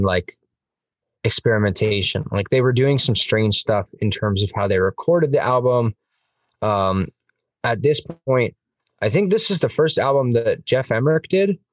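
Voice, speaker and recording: A man's voice: lowish voice, no room sound, recorded from a distance. A man chatting on a music podcast, enthusiastic and rambling, with lots of fillers. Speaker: podcast host. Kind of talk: casual music podcast chat.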